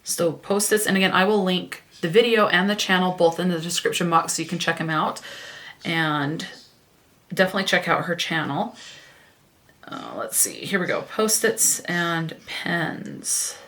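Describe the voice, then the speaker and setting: A woman's voice: lowish voice, expressive, moderate pace, fairly bright tone. Chatty woman reading book blurbs. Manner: chatty, reads book blurbs aloud, stumbles and self-corrects. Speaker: book vlogger. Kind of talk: casual book vlog with read-aloud synopses.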